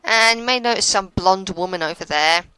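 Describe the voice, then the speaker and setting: A woman's voice: medium pitch, moderate pace, bright, forceful tone, smooth, poor audio. A woman giving casual commentary over a video game, often stumbling over her words and poking fun at herself. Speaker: let's play commentator.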